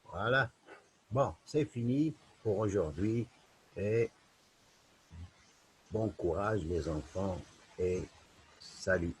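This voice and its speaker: A man teaching children a phonics lesson, reading words slowly and patiently with many fillers and repeats. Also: fairly low pitch, slight background noise, low-quality recording.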